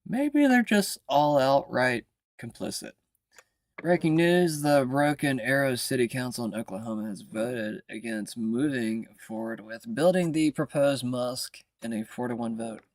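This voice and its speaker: A man's voice: medium pitch, lively intonation, moderate pace, vocal fry, no room sound. A man in political commentary, reading out posts and reacting with offhand, sarcastic asides.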